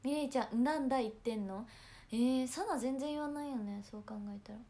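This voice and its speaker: A woman's voice: sits high, brisk. Chatty young woman with a Hiroshima accent. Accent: Hiroshima Japanese. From Hiroshima, Japan. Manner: chatty, giggly, drops to soft whispers. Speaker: idol livestream host. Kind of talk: casual livestream chat.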